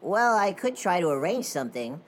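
A woman voicing a young, puzzled talking bird in a children's story, casual and expressive. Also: fairly low pitch, moderate pace. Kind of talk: children's audio story character voice. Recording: clear background noise.

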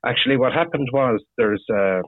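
Husky irish guy, galway west of ireland accent, rambling fishing-guide yarns, tinny phone-like radio sound. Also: medium pitch, animated, dry recording. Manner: rambling, halting, peppered with "you know" and "you see". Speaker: fishing guide (gillie) interviewed as guest. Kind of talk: casual anecdotal storytelling.

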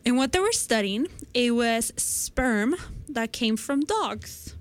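A woman's voice: fairly high pitch, animated, slow pace. Twenty-something woman explaining science casually. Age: 20s. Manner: explains a study step by step in a conversational way. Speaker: podcast co-host presenting science news.

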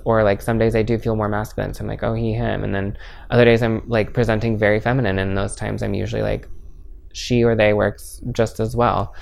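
A man in his twenties speaks freely in a relaxed interview, candid and easygoing, with a fairly low, creaky voice. He's chatty and leans heavily on filler words, especially "like."

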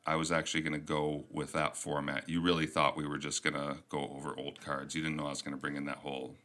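Deep-voiced Minnesotan man hosting a podcast. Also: little pitch movement, fast, bright, forceful tone. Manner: rambling, self-deprecating, chuckling. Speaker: podcast host. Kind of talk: casual podcast chat.

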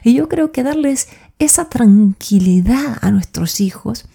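A woman's voice: a little high, lively intonation, unhurried, vocal fry, mellow, husky. A middle-aged woman hosting a podcast, reflectively telling personal stories straight to the listener. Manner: reflective, addresses listener directly. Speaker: podcast host.

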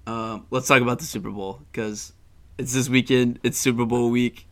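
A young man hosting a sports podcast, chatting loosely and profanely. His voice is mid-pitched, and his sentences often fade off quietly. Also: steady tone, moderate pace. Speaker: podcast host. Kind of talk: casual sports chat.

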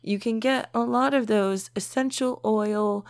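On a solo podcast, a woman with a somewhat high voice drifts along in a casual, frank, unhurried way, sounding stoned and swearing freely. The recording is dry, with clean studio sound.

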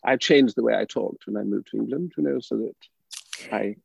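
Older northern irish guy, gravelly and husky, thinks out loud, dull muffled sound. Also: medium pitch, animated, no room sound. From Northern Ireland. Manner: thoughtful, halting, many restarts and fillers. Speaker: drama educator guest. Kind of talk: reflective interview talk.

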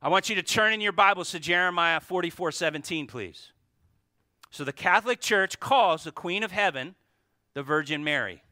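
With a high, pushed, bright voice at a moderate pace, a pastor delivers a sermon into a pulpit mic, with no echo. He hammers key words, repeating them, and poses rhetorical questions to the congregation.

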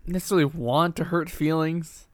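A man's voice: on the high side, steady tone, normal speed, a little hiss or hum. A man co-hosting a podcast in casual chat, sarcastic and swearing often. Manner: profane, sarcastic, laughing. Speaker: podcast co-host.

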